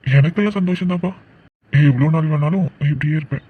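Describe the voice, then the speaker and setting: A man's voice: fairly high pitch, quick pace, husky, lo-fi sound. A man voicing a joking young man who teases his sweetheart with mock-polite sarcasm in a cartoon love story. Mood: sarcastic. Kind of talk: cartoon voice acting.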